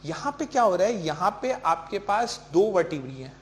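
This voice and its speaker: A man's voice: high-pitched, sing-song, moderate pace. A male teacher giving a lecture. He explains patiently, asks questions and answers them himself, and keeps checking that his students follow along. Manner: mixes in English terms, keeps checking with "ठीक है". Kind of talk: classroom lecture.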